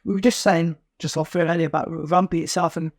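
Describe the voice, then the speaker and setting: A man's voice: on the high side, fairly even intonation. A man hosting a podcast, asking questions in an eager, casual way with fillers. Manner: eager, quick interviewer with fillers. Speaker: podcast host. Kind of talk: casual interview chat.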